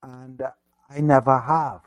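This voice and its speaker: A man's voice: medium pitch, fairly even intonation, unhurried. A man from Trinidad and Tobago, a guest in an interview, talking reflectively about growing up. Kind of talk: conversational interview.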